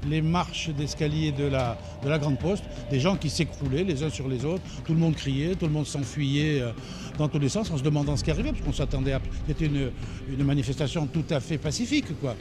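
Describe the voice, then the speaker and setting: A man's voice: fairly high pitch, fairly quick, background noise. An older man giving unscripted eyewitness testimony. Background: music.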